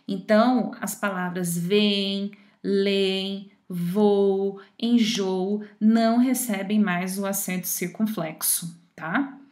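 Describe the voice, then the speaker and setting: A woman teacher explaining grammar rules step by step, often pausing to check that her students follow. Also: medium pitch, a little mellow. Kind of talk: grammar lesson.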